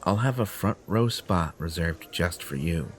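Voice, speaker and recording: In an audio roleplay addressed to the listener, a man plays a smug, possessive, entitled superhero who is pompous, self-satisfied and condescending, with a coaxing edge. His deep voice is expressive and unhurried, with a little hiss or hum in the audio.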